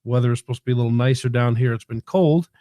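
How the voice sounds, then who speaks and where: A mellow-voiced man from New York hosts a casual livestream from his home in the South, still getting over the tail end of a head cold. His medium-pitched voice moves fast, and his rambling, folksy chatter is full of fillers. The studio-quality audio has no echo.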